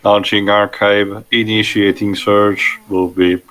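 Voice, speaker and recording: Man doing a robot booting up: low-ish voice, flat clipped status readouts, spoken beep-boops. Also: takes it slowly. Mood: mechanical. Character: male robot booting up and running system checks. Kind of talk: joking voice-over while playing a game.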